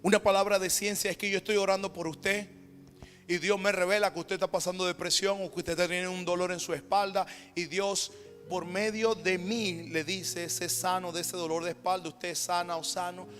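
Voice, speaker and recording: A man with a Panamanian Spanish accent preaching a sermon as pastor, swinging from loud, emphatic declarations down to hushed near-whispers. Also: high-pitched, level tone, fairly quick. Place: church sanctuary. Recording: reverberant church hall with background music.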